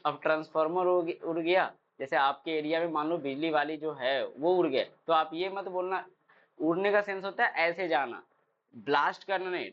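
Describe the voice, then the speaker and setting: A man teaching English verbs, who drills the word forms aloud and asks his class questions. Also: fairly high pitch. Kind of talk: classroom lesson. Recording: dull lo-fi sound.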